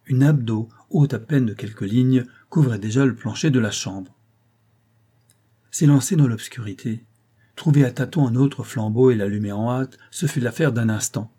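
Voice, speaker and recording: Male audiobook narrator, warm and husky, measured dramatic reading. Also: medium pitch. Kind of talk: audiobook reading of a classic novella.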